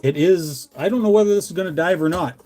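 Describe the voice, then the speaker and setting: A Canadian man with a high, quick, mellow voice hosts a relaxed livestream, rambling in a folksy way with his viewers. He makes fishing lures as a hobby and speaks with a Canadian English accent.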